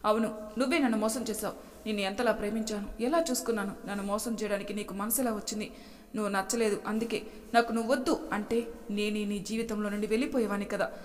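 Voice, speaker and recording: A woman's voice: mid-range voice, steady tone, fast talker, natural voice. A woman voicing Arjun, a troubled young man. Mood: accusing. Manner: emotional, pleading and remorseful. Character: young man, troubled and torn by his past. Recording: long hall reverb.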